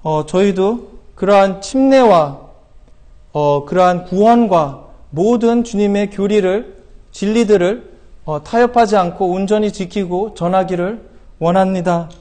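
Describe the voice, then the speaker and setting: A middle-aged male missionary preaching from a church pulpit, his voice pitched notably high for a man. He exhorts his listeners earnestly, throwing in rhetorical questions and many hesitant fillers. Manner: shouts quoted scripture loudly and slowly. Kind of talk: sermon. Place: church sanctuary.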